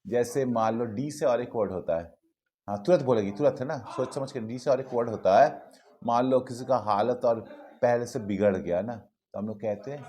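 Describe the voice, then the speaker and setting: A man's voice: mid-range voice, moderate pace, dark tone. A male physics teacher, lecturing a class in a chatty way, repeating words and asking students questions.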